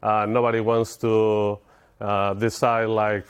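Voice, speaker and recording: In a clean-toned, lowish voice with a level delivery, a middle-aged Spanish-accented man takes his time. Speaking to an audience in a conference room, he gives an informal, explanatory technical talk and addresses listeners with questions.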